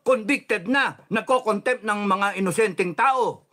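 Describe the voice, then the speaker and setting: A middle-aged man from the Philippines rants about politics on his channel. His voice sits high and sounds bright and forceful. He curses heavily and swings between angry outbursts and low, controlled muttering. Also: measured pace. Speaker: political commentator.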